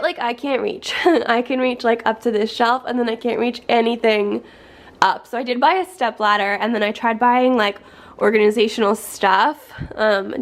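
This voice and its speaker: A woman's voice: on the high side, gravelly. A young woman chatting casually through a tour of her small apartment, sounding a little worn from illness and slightly out of breath, with frequent fillers and light laughs. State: recovering from illness, slightly congested. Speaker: vlogger. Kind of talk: casual home tour vlog.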